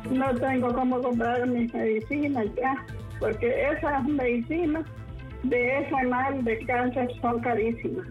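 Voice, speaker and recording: A woman in her seventies with a Honduran accent, calling a radio show and pleading haltingly with many restarts. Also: high voice, steady tone, soft background music. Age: 70s. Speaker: caller. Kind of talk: phone-in complaint. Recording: muffled phone line into radio.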